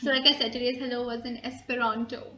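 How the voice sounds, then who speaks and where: A woman's voice: on the high side, little pitch movement, quick pace, sharp tone, lo-fi sound. A young woman co-hosting a casual podcast, giggly and laughing often as she chats. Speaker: podcast co-host. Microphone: studio mic, face-to-face recording.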